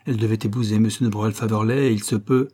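A man's voice: on the low side, fairly even intonation, quick pace, lightly acted. A man voicing a proud middle-aged nobleman who turns indignant and raises his voice in an audiobook scene. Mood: guarded. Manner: indignant, hoarse shouting.

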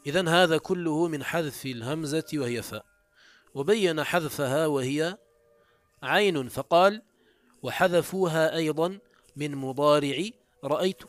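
A man's voice: moderate pace, long pauses, no echo, faint music behind. Man explaining a classical grammar text. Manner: reads quoted text aloud, then explains it step by step; pitch jumps up when introducing quotes. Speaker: teacher of Arabic morphology. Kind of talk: classical text commentary lesson.

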